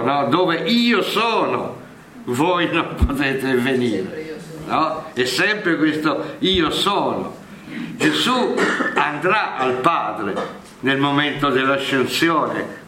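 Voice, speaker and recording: A man teaching a lesson of scripture commentary, explaining in a measured way and often checking in with a rhetorical "no?" or "eh?". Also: on the high side, sharp tone, a little hiss or hum. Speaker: Bible teacher. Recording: echoey room.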